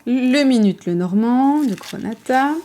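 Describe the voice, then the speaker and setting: Woman vlogger, mellow, hesitant and chatty; faint noise behind. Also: fairly high pitch, lively intonation, measured pace. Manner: chatty, hesitant, many fillers and self-corrections. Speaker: vlogger showing her tarot collection. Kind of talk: casual show-and-tell.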